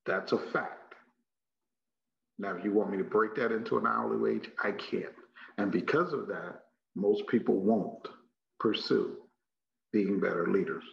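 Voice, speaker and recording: Pausing often, a man from Texas, United States, speaks a little slowly in a lowish, gravelly voice with a Texas accent. He leads an emphatic, folksy motivational leadership talk, repeating phrases for effect, captured in a muffled, echoey room.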